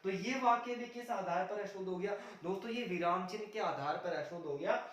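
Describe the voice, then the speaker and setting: A man's voice: high voice, fairly quick. A man teaching a grammar lesson for exams. He asks questions and answers them himself, and keeps calling his viewers "friends". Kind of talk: exam-prep grammar lesson. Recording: very echoey room, voice far from the mic.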